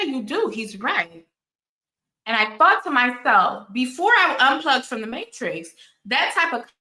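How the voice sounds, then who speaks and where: A woman's voice: on the high side, pushed and bright, roomy sound, low-quality recording. A woman in her forties hosting her own channel, chatting candidly and telling stories with many asides. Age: 40s. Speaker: channel host. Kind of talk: casual commentary chat.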